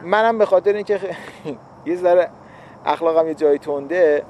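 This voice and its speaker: A man's voice: on the high side, darkish tone, a little hiss or hum. A man in casual talk to viewers, explaining his view of the relationship in a reflective way and repeating points for emphasis. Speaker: husband explaining relationship advice.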